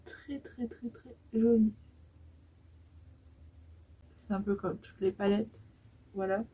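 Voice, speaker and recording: A woman's voice: mid-range voice, level tone, slow, mellow, husky, low-quality recording. Chatty young woman doing a makeup tutorial. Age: 20s. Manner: chatty, hesitant, many fillers while applying makeup. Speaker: beauty vlogger.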